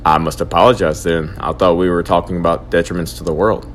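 An actor playing an excitable young man who rants theatrically about his odd grudges. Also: low-pitched, brisk, natural voice. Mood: goofy. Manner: dramatic, ranting, overblown. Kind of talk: hobby audio drama.

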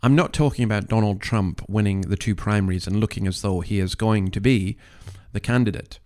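A man's voice: on the low side, fairly quick, a little mellow. Earnest man giving opinionated commentary. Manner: emphatic, earnest, moralising, with rhetorical questions. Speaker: commentary podcast host.

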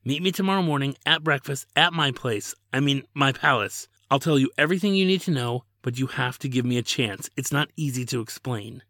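A man's voice: mid-range voice, a little fast, hardly any pauses, bright, forceful tone, dry recording, studio quality, voice pushed up. A man voicing a flustered young prince who keeps pleading for a chance.

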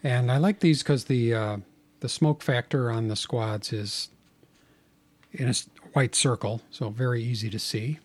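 A man with a husky voice, chatting casually as a podcast co-host. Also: mid-range voice, unhurried. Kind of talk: casual chat.

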